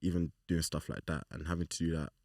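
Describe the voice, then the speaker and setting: Very deep-voiced young man. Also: flat delivery, fast, a little mellow, dry recording, clean studio sound, far from the mic. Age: 20s. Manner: laid-back, slangy, acts out quoted remarks. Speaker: podcast guest. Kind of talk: casual group chat.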